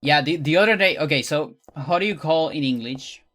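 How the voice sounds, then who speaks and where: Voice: medium pitch, fairly quick, fairly bright tone. A streamer from Chile with a Chilean accent and Spanish as a first language, chatting casually and teasingly while playing a game. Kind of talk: casual livestream chat while gaming.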